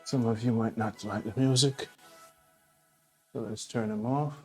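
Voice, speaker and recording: Faint music plays behind this Jamaican-accented man, whose medium-pitched voice stays steady and a touch slow. Cooking casually at home for his show, he chats and wanders off into homely asides as he goes.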